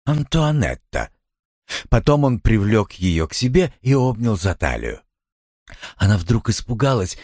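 A medium-pitched male audiobook narrator reads a novel aloud in a measured, expressive storytelling style. The recording is dry, with clean studio sound.

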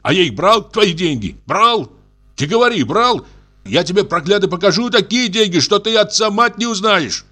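A man voicing a quarrelsome young peasant who shouts in a high, screeching voice. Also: big pitch swings, unhurried, exaggerated voice. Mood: furious. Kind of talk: audiobook character voice.

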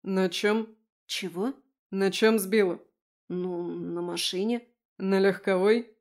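Female reader as a brisk, no-nonsense man on the phone, clipped questions. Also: mid-range voice, steady tone, darkish tone. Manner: clipped, matter-of-fact. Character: curt calm man on the phone, commanding.

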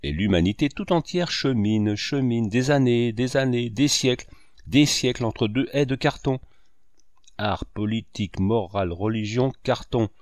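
A man's voice: unhurried, dry recording, clean studio sound, close to an everyday voice. A man voicing a mocking old male ranter. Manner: declaiming, booming laughter. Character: boisterous sarcastic old male painter, mocking. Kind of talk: audiobook character reading.

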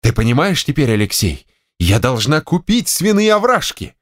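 A man reading a story, voicing a capricious, imperious elderly wife of a general, raised in pitch and full of reproachful exclamations. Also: big pitch swings, normal speed, dry recording, clean studio sound, close to an everyday voice.

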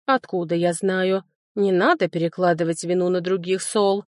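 Woman doing a sly lord guy, mage, mocking and dodgy, lowish voice. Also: steady tone, moderate pace, no room sound, clean studio sound, lightly acted. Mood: defensive. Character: sly male high lord, a mage, evasive.

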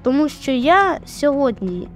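A woman voicing a subdued, thoughtful boy who speaks in a hushed way. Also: sits high, very animated, a little slow, faint music behind. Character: quiet, thoughtful boy, withdrawn brother.

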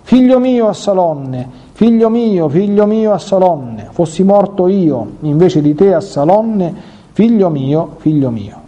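A man's voice: fairly high pitch, expressive, normal speed, dark tone, slightly rough, lo-fi sound. A man reading as a grieving old king. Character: grieving old king mourning his son.

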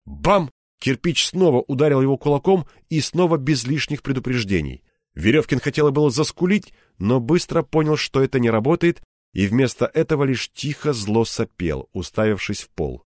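A man reading an audiobook as narrator, telling the story in a measured, expressive way. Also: mid-range voice, no room sound, clean studio sound. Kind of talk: scripted narration.

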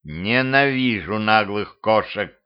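A man's voice: lowish voice, expressive, takes it slowly, clean tone, dull audio. A man voicing a grumbling male phantom that sneers from inside someone's head.

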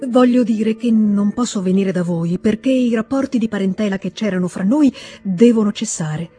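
A woman's voice: mid-range voice, moderate pace, dark tone, soft background music, natural voice. A woman reading aloud, voicing a cold, stiff, firmly decided middle-aged official.

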